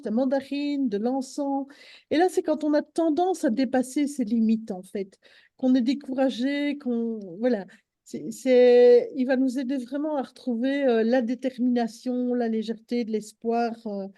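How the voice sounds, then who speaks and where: Woman, casual live-stream chat, halting with fillers, slightly high voice, dry close sound. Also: warm tone, dry recording. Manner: hesitant, many fillers and restarts. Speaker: host of a live stream on essential oils.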